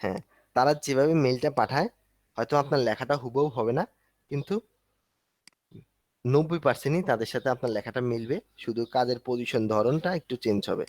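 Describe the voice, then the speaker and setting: A man leads an online class, his voice sitting in an ordinary middle pitch. He explains things step by step in a relaxed, conversational way. The sound is dry, with no room echo. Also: fairly quick, long pauses. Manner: conversational, explaining step by step while showing a screen. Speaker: instructor.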